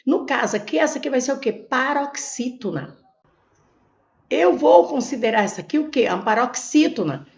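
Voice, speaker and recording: A woman's voice: high-pitched, lively intonation, normal speed, vocal fry, darkish tone, roomy sound. A woman teaching Portuguese grammar for an exam, explaining step by step, with a Brazilian Portuguese accent, who asks questions and then answers them herself. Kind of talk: exam prep lesson, explaining on a board. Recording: dull lo-fi recording.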